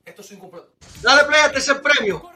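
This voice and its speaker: A man hosting a casual live-stream chat, excitable and exclaiming, often repeating his phrases. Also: very high-pitched, fast talker. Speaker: podcast host.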